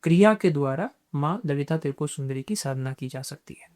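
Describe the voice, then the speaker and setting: A man speaks as a podcast guest, explaining spiritual practice in a measured, teacherly way. His voice sits a little high for a man. He drops English terms into his talk as he goes. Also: darkish tone.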